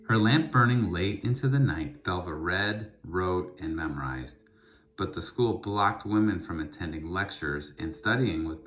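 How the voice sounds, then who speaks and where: A deep-voiced man reads a children's book aloud, telling the story expressively with deliberate, emphatic phrasing.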